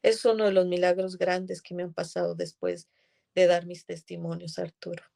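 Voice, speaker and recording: A woman's voice: lowish voice, little pitch movement, normal speed, creaky, mellow. A woman giving an earnest, emotional religious testimony as a guest in conversation.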